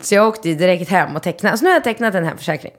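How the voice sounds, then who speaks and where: A woman in her thirties from Sweden, co-hosting a casual chat and telling stories with animated, loud acted-out quotes. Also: on the low side. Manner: lively storyteller, acts out quotes loudly. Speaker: podcast co-host.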